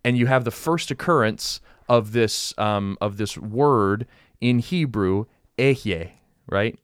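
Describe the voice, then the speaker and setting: Low-voiced man explaining scripture casually. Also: slow, clean tone, no room sound, clean studio sound. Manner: thinks aloud, explains with everyday examples, frequent restarts. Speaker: podcast co-host. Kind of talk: casual Bible study chat.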